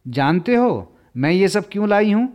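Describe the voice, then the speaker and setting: A man voicing a curious, tender-hearted young girl who asks bright, pleading questions in a storybook reading. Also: sits high, very animated, normal speed, voice pushed up. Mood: eager.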